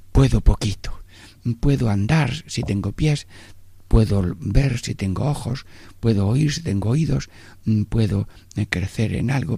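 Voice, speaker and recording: A man's voice: medium pitch, vocal fry, warm tone, husky, no echo. A male priest giving a prayerful sermon, often speaking directly to God as a meditation.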